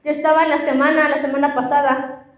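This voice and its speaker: A woman's voice: sits high, little pitch movement, fast, roomy sound. A young woman preaching a sermon and telling personal stories, often addressing the congregation. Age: young adult. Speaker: pastor. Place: church.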